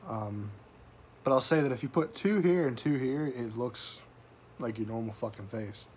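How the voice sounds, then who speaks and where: A man's voice: medium pitch, moderate pace, darkish tone, slight background noise. A man giving a casual, sweary, folksy review to camera, talking with a tobacco pouch tucked in his lip. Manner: casual, profanity-laden, folksy slang. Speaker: product reviewer.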